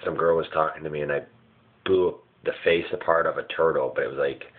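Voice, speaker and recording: A man's voice: extremely low pitch, fairly even intonation, a little fast. A man casually recounting his dreams in a hazy, puzzled way, vague and often searching for words. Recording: muffled phone-like lo-fi sound.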